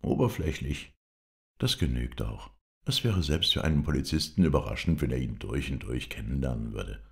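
A man's voice: a bass voice, lively intonation, moderate pace, creaky, heavily acted. A man voicing a composed, wry police detective in a storybook reading. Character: dry, composed Scotland Yard detective.

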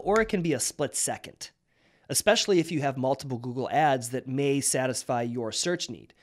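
Man in his thirties with a mid-range voice, hosting and talking through ideas casually, often restarting. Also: mid-range voice. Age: 30s. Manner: conversational, with frequent restarts and rhetorical "right?". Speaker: marketing host. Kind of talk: casual explainer monologue.

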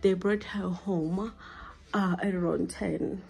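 A woman's voice: lowish voice, fairly even intonation, slow, gravelly, mellow, breathy edge. A young woman, chatting casually to the camera at home while doing chores. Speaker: vlogger and mother. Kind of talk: casual home vlog chat.

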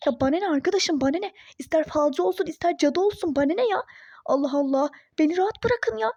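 A sarcastic, fed-up young mother in a phone-game role-play story, voiced by a woman. She talks high but with a mellow, dark tone, and snaps back with exasperation. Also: fast, no room sound, lo-fi sound. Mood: exasperated. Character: irritable young pregnant mother, fed up, skeptical.

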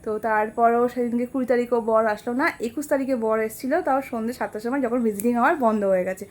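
A woman's voice: a little high, fast talker, darkish tone, slight background noise. A young woman, chatting casually and animatedly in a personal vlog, with many fillers and restarts. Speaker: vlogger.

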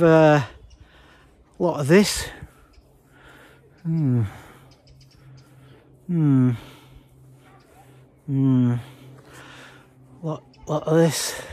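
A man in his fifties with a Sheffield-area Yorkshire accent, rambling in dialect in a deadpan, halting way, as in a casual comic vlog. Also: on the high side, husky. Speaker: comic video monologuist. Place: outdoors in a garden. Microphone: phone at arm's length.

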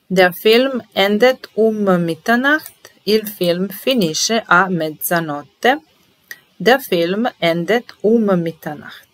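Woman teaching phrases real slow, low-ish voice, careful and patient. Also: a bit bright, rough recording. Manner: patient, measured, enunciating each phrase slowly. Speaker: language teacher. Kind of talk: slow bilingual lesson, repeating phrases.

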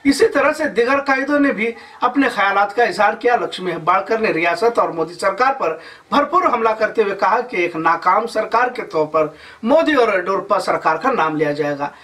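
A man's voice: sits high, lively intonation, normal speed, pushed and bright, far from the mic. A man in his thirties reading a news report as anchor, with formal Urdu-flavored delivery in a studio.

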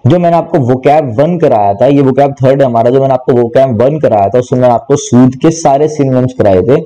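A man's voice: medium pitch, fairly quick, mellow, rough recording. A young man teaching a vocabulary class online, explaining word meanings with repetition and spelling words out letter by letter. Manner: mixes English words into speech.

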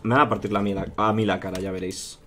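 A YouTuber with a Spain Spanish accent and a slightly low voice gives loose, fast let's play commentary on a strategy game, thinking out loud with a flat delivery. He keeps addressing his viewers as "chicos" and "tío," and keyboard tapping and slight background noise can be heard.

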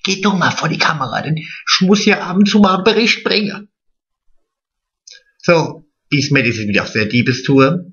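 A man's voice: a little high, expressive, moderate pace, a bit bright, dull audio. A man playing a vain, chatty, naive middle-aged woman in a drag comedy monologue, stretching his words. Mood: gossipy.

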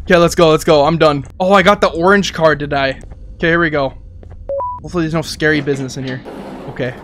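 Higher-pitched young man doing jittery gaming commentary. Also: steady tone, fast talker, noisy background. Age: young adult. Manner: jittery, exclamatory, thinking aloud. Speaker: gaming video host. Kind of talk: casual let's-play commentary. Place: small indoor gaming setup.

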